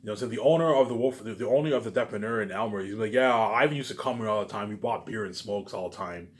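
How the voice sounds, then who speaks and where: This Canadian vlogger talks fast in a lowish voice, rambling and repeating himself through an informal monologue. His speech is halting and full of habitual trailing tags, with emphatic, profane outbursts that drop into muttered asides.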